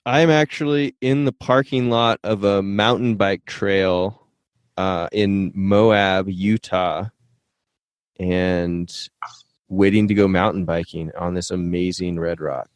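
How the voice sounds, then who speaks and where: Lowish-voiced man chatting on a podcast. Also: fairly even intonation, takes it slowly, no room sound. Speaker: podcast host. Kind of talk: casual podcast chat.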